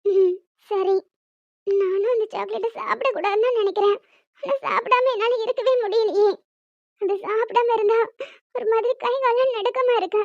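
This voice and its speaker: A woman voicing a naive, timid young female college student in an animated story, talking in a hesitant, stammering, pleading way. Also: very high voice, normal speed, dry recording, muffled recording. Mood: troubled.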